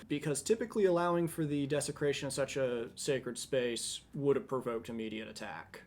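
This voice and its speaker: A man co-hosting a podcast, explaining history in a steady, conversational lecturing way with occasional restarts. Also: medium pitch. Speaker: podcast co-host.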